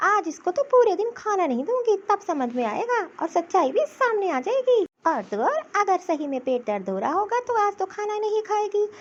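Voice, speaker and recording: Lady doing a shrill bossy old mother-in-law, nags nonstop, very high squeaky voice, dull lo-fi sound. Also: big pitch swings, normal speed, few pauses. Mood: suspicious. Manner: scolding, nagging. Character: scheming old mother-in-law, stout, sharp-tongued. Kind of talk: cartoon voice acting.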